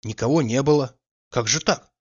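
A man reading an audiobook, voicing a fretful, easily exasperated idle gentleman who scolds in an agitated way. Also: medium pitch, moderate pace, breathy edge, muffled recording, lightly acted.

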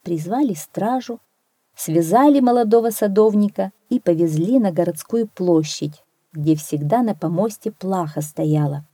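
A woman reading a fairy tale aloud as an audiobook, telling it with lively expression on a close microphone. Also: fairly low pitch, a little slow, breathy edge, no room sound. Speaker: storyteller.

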